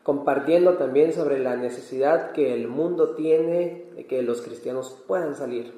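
A man from Peru, a missionary, preaching calmly in short phrases and pausing for his interpreter in a church. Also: medium pitch. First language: Spanish. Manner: calm, measured, pausing for translation. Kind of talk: sermon with interpreter. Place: church hall. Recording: echoey church hall.

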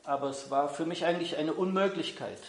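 A man with a slightly high, fairly quick voice leads a church gathering and interprets for a guest, friendly but hesitant, with many ums as he switches languages. It's a church announcement with live interpreting, recorded in an echoey hall.

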